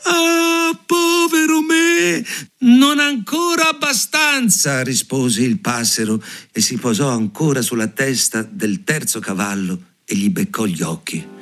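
A man reading a fairy tale aloud, with expressive storytelling. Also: medium pitch. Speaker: reader.

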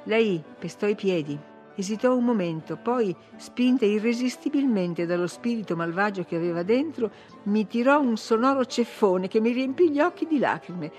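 A woman's voice: medium pitch, soft background music. Woman narrating a classic novel. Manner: measured, expressive storytelling. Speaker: audiobook narrator. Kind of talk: literary audiobook narration.

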